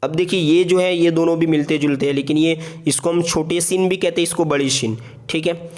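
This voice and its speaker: A man's voice: a little high, steady tone, darkish tone. Patient man teaching alphabet letters. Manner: patient, repeats letters slowly with frequent check-ins. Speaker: Urdu teacher. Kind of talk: alphabet lesson narration.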